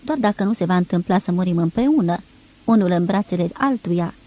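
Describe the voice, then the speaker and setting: A woman's voice: fairly low pitch, expressive, darkish tone. Woman reading an urgent young man. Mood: insistent. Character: young man, anxious, insistent lover.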